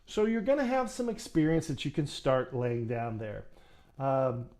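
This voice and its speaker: A man's voice: mid-range voice, unhurried, a little mellow. A man coaching would-be actors in a casual, folksy how-to talk, addressing the viewer directly. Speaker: acting coach.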